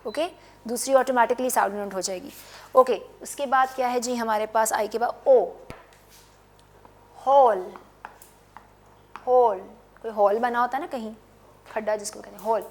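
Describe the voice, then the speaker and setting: A woman teaching an English phonics class, her voice sitting a little high. She draws out each example word and repeats it with emphasis, pausing to quiz her students. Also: a bit bright. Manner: drawn-out, emphatic word repetition.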